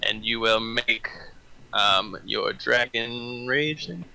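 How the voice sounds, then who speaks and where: A man's voice: mid-range voice, slow pace, creaky, bright, forceful tone, slight background noise, poor audio. A man running a tabletop fantasy game as game master, narrating scenes and calling out rolls.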